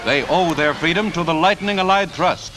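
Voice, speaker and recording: A man's voice: a little high, normal speed. A man narrating a 1940s newsreel with a punchy announcer delivery and wry quips. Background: music score.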